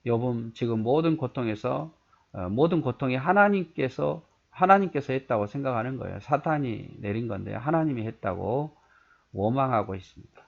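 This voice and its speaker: Gravelly-voiced man teaching scripture. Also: mid-range voice, expressive, moderate pace. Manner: conversational, asks listeners rhetorical questions. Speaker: pastor. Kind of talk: Bible teaching, reading and explaining verses. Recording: dull lo-fi recording.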